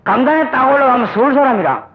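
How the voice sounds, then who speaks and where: This older pastor from Busan preaches with a very high-pitched, husky voice, moving at a quick pace with lively intonation. His delivery is emphatic and Gyeongsang-accented, and he plays out small dialogues. It's a dull old recording made in a church sanctuary.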